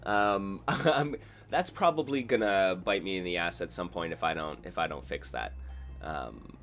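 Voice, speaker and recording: A man's voice: sits low, animated, measured pace, a bit bright. A man live-streaming a video game, chatting casually with viewers in a rambling, self-correcting way. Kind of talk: casual live-stream chat while gaming.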